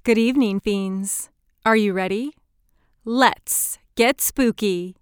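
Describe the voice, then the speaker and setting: Woman acting as spooky horror hostess, vintage horror narrator style, slow, crisp, theatrical show intro. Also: mid-range voice, dry recording, clean studio sound, natural voice. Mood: spooky, inviting.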